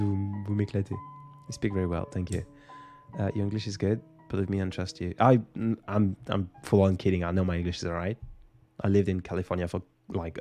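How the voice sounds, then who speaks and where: A man's voice: deep voice, dark tone. A man in his twenties hosting a casual live Q&A, rambling and hesitant with lots of fillers, poking fun at himself. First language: French. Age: 20s. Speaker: live stream host. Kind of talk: casual live Q&A answering viewer comments.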